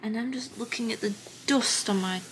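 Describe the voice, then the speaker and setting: A woman chatting casually in a writing vlog from her desk at home, relaxed and full of little fillers and restarts. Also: fairly high pitch, normal speed, slight background noise. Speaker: writing vlogger.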